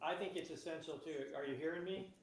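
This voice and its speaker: A man joins a casual panel discussion as a guest over a roomy, echoing remote line, his voice hollow as if from inside a tube. He speaks fast, a little high, and lays out his arguments point by point.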